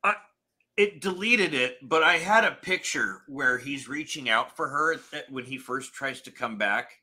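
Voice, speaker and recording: A man co-hosting a casual film review chat, animated and profane, laughing often. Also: medium pitch, normal speed, slightly rough. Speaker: podcast co-host.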